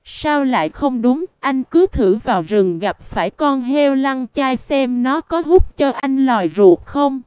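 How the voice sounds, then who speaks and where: A woman's voice: high-pitched, expressive, a little slow, few pauses, a little mellow, clean tone, no room sound, studio quality. A woman reading the lines of an arrogant, boastful middle-aged male company director in a story. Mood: brash. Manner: brash, boastful.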